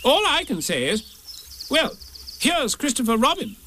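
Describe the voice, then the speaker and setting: A man as a self-important, high-voiced rabbit. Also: sing-song, sharp tone, slight background noise, full character voice. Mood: officious. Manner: brisk, important, solemn. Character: officious, self-important, solemn male rabbit. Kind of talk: storybook character reading.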